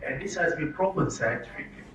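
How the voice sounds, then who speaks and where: Speaking quickly in a slightly high, expressive and fairly bright voice, a man with a Nigerian accent leads a training session, pressing his points and frequently quizzing the audience. The recording is roomy, captured from a distance, with noise behind him.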